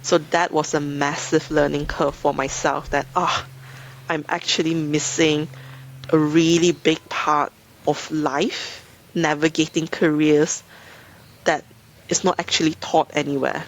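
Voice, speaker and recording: A woman in her thirties from Malaysia with a Malaysian accent, speaking as a podcast guest in a measured, reflective way. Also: low-pitched, flat delivery, slight background noise. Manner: thoughtful, measured, frequent hedging "I think". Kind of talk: reflective interview talk.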